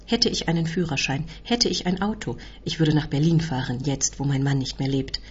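A woman reading aloud as a widowed old mother who speaks in a flat, subdued, repetitive way. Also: low-pitched, normal speed, breathy edge, full character voice. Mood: wistful. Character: widowed elderly Polish mother, stubborn, quiet. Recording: dull lo-fi recording.

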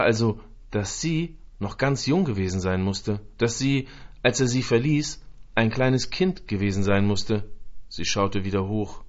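A man reading a literary story aloud in a slow, measured, emotive way with long pauses. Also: lowish voice, muffled recording. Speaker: narrator.

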